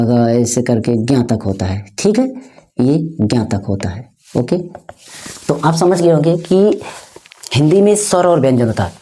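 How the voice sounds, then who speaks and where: A man's voice: on the high side, warm tone. A man teaching as a channel host, explaining step by step, repeating points and often checking that students follow. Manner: repetitive, often checks understanding; spells letters out slowly. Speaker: English teacher.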